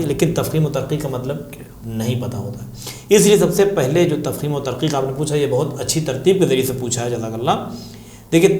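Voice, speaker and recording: A man's voice: mid-range voice, a little mellow, echoey room. A man teaching Quran recitation rules, patiently repeating sounds and examples. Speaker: Tajweed teacher answering questions. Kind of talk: religious lesson explaining Quran recitation.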